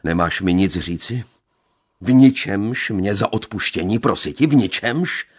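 A man voicing a wild, jealous young Romani man who shouts fierce accusations. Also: extremely low pitch, very animated, breathy edge, heavily acted. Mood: bitter. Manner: loud, fierce accusing outbursts.

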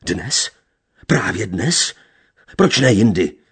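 A man voicing a wild, jealous young Romani man who shouts fierce accusations. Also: a bass voice, big pitch swings, slightly rough, heavily acted. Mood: harsh. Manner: loud, fierce accusing outbursts.

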